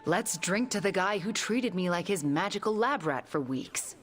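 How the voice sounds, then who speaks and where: In a video game cutscene, an actress voices a witch who is sardonic and full of self-doubt, delivering lines in a wry, blunt way. Her medium-pitched voice is expressive and natural, at a normal speed, with faint music in the background.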